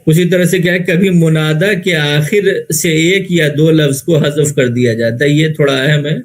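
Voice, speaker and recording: A man's voice: fairly high pitch, poor audio. A man with an Indian Urdu accent teaching Arabic grammar in a lecture, patiently repeating terms and answering his own questions.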